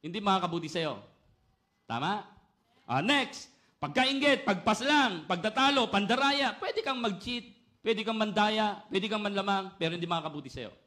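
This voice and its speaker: A middle-aged male preacher with a high voice delivers a sermon loudly and energetically. He keeps asking the congregation for an "Amen?" and swings between booming emphasis and quieter asides. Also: moderate pace. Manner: loud, energetic preaching with call-and-response "Amen?".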